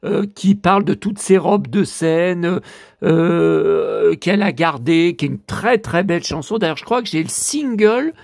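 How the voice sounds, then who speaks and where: A man's voice: sits high, expressive, measured pace, creaky, darkish tone. A man from the Lyon area talking in a casual vlog, rambling and chatty as he shows his purchases, with bursts of exasperated complaint. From Lyon area, France. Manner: rambling, chatty, many fillers and tag questions. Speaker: vlogger.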